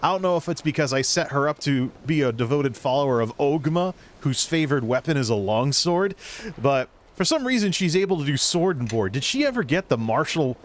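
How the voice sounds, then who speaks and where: A man's voice: fairly high pitch, lively intonation, fairly quick. A man giving casual gameplay commentary, rambling and thinking aloud as a video creator.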